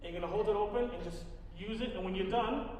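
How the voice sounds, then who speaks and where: A man with a high, tenor-like speaking voice coaches a singer live, giving encouraging, hands-on directions and singing short phrases to demonstrate. His voice carries through a roomy hall with a long echo, and faint music sits behind him. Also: fast, a little mellow, a little hiss or hum. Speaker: voice teacher leading a master class. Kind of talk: live coaching in a master class. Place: recital hall, live audience setting.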